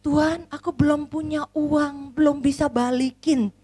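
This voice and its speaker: A woman's voice: sits high, fairly even intonation, measured pace, mellow, no room sound, voice pushed up. A woman voicing a frightened male servant who begs his master for more time. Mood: pleading. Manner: pleading and whimpering, later harsh. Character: frightened indebted servant, later a bully.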